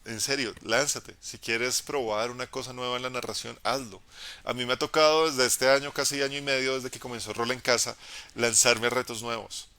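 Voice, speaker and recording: A young man, a game master giving an encouraging, casual live talk about narrating, in a low tenor voice with frequent restarts. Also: fairly even intonation, fairly quick, bright, forceful tone. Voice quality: lowish tenor voice. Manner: encouraging, conversational, many restarts. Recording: dry live stream audio.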